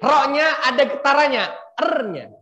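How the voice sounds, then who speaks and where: A man teaching Quran recitation rules to a class of women, patiently prompting them and demonstrating slow, drawn-out recitation. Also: very high voice, animated, pushed and bright, lo-fi sound. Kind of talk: tajwid lesson for women. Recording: echoey room.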